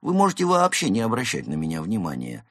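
A man voicing a proud male koala spy who talks slowly and sounds pleased with himself. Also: lowish voice, wildly swooping pitch, no room sound, clean studio sound, pitched above the performer's own voice. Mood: smug. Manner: slow, drawn-out, self-satisfied. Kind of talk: audiobook character voice.

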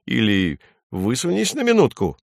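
A man's voice: medium pitch, huge pitch swings, moderate pace, gravelly, no echo, clean studio sound, full character voice. A man voicing a fussy male woodpecker who builds houses, exclaiming indignantly in a storybook reading.

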